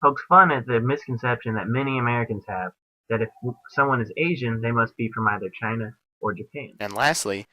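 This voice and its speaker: A man's voice: mid-range voice, brisk, lo-fi sound. A young man presenting a class video essay, reading aloud plainly with small slips and fillers. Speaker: student presenter.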